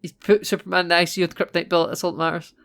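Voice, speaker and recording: This podcast co-host, a man with a Scottish accent, keeps the film-review chat casual, playful, and full of restarts. He talks very fast in a high-pitched, level voice that's a bit bright, with some vocal fry.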